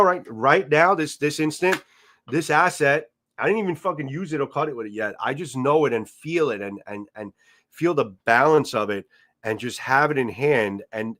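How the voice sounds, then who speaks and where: A man with a New York Italian-American accent, his voice mid-range and fairly bright, hosts a casual livestream while seated in a chair at home. He reads viewer comments in a rambling way, repeating words and swearing casually.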